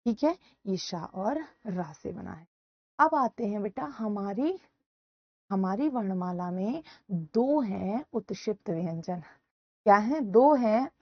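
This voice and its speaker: Woman teacher running a live online class, loud and drilling, close dry mic with lo-fi sound. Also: on the high side, dry recording. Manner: repeats questions and answers to students, calls them beta; loud speaker. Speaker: Hindi grammar teacher.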